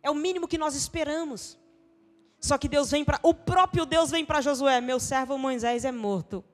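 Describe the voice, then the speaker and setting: Brazilian lady preacher, high voice, big church reverb, goes from shouting to almost whispering. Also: normal speed. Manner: dramatic, swings from shouting to hushed tones; acts out quoted dialogue. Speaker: pastor, missionary preacher. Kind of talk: sermon. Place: church hall. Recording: long church-hall reverb.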